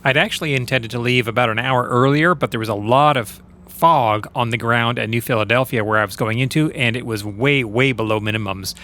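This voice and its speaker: A man who is a private pilot, narrating his flight vlog in a relaxed, explanatory way. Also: medium pitch, brisk. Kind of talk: casual vlog voice-over narration.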